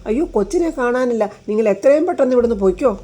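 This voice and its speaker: A woman's voice: fairly high pitch, lively intonation, very fast, mellow, voice pushed up. A woman voicing a frightened servant woman who pleads and cries out in panic. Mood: panicked. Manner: anxious, wailing cries.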